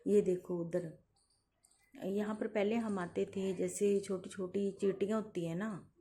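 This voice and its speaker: A woman walks through open village fields, filming on her phone and chatting in a meandering way as she points things out. Her voice is mellow and fairly flat in pitch. A faint outdoor hum sits behind her. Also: a little slow. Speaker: vlogger. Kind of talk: casual walking vlog narration.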